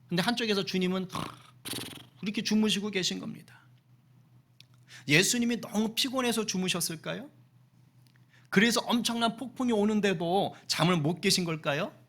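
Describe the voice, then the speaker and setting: A man, a senior pastor, preaching a Sunday sermon in a conversational and lively way, acting out voices in his storytelling. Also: high voice. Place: church sanctuary.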